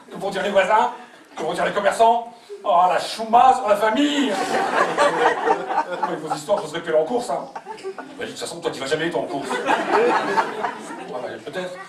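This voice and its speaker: A man's voice: high-pitched, animated, fairly quick, pauses often, over a noisy crowd. A man performing a comic stage monologue as a whiny grown son, acting out his parents' voices. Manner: plays a fifty-two-year-old overgrown son, mock-whiny, acts out both parents. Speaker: stand-up comedian. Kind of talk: live comic monologue in character. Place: theater stage with audience laughter. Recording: echoey live stage from a distant mic, loud audience noise.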